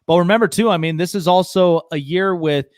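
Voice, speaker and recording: Co-host, man, slightly high voice, rambling and enthusiastic, dry close mic. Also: brisk, dry recording. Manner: rambling, many restarts and fillers, enthusiastic. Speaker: podcast co-host. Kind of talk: casual sports chat.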